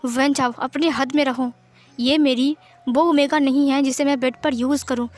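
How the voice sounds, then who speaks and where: A woman's voice: high voice, steady tone, normal speed, soft background music, lightly acted. A woman voicing a possessive, hot-tempered young man who speaks in a stern, commanding way.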